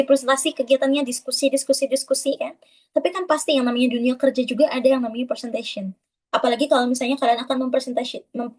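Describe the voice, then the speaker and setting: A woman teaches a webinar in a chatty, friendly way. She talks quickly in a somewhat high voice, often turning to her listeners as friends. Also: rough recording. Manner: chatty, addresses listeners as friends, demonstrates flat and lively delivery. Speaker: webinar speaker. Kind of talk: casual instructional talk.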